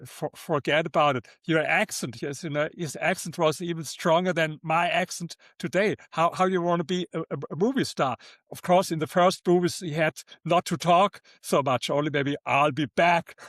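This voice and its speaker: Older German-accented man, halting, high voice. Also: fairly bright tone, no room sound, clean studio sound. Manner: halting, repeats words, non-native phrasing. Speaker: guest author. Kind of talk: interview conversation.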